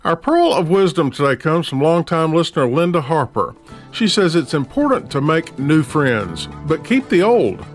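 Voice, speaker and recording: A man hosts a farm radio program, reading rural news and sponsor copy into a studio mic with steady announcer delivery. His voice is fairly high and moderately paced, with faint music in the background.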